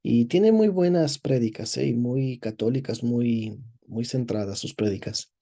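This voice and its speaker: A priest teaching a course, reading a text aloud and commenting on it in a digressive, explanatory way, often checking in with "verdad?". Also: male voice, medium pitch, measured pace, gravelly, dark tone. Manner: digressive, repeats words while searching for phrasing.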